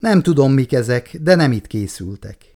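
A man's voice: mid-range voice, lively intonation, dark tone, natural voice. A man voicing an eager, triumphant scientist. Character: excited male scientist, triumphant.

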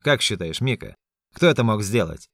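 A man's voice: fairly low pitch, animated, normal speed, a bit bright, dry recording, clean studio sound. A man voicing a furious, menacing young man who growls and snarls.

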